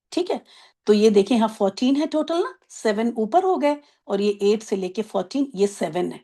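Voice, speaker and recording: A woman teaching an online Arabic grammar class, explaining patiently, asking if everyone follows, and drawing out example words slowly. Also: mid-range voice, vocal fry, warm tone. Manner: explains patiently, asks checking questions.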